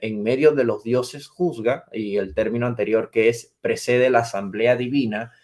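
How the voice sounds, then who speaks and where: This podcast guest is a theology teacher from Venezuela in his twenties, with a mid-range, slightly mellow voice, fairly even intonation, and a moderate pace. His explanatory answers take a lecturing tone as he works through definitions one step at a time.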